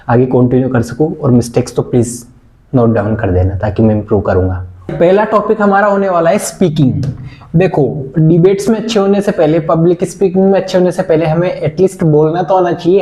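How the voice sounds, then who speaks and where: A man's voice: fairly high pitch, dark tone. Chatty young male speaking teacher, echoey room. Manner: chatty, pleading, mixes English words into Hindi. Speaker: communication skills teacher. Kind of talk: casual online class lecture.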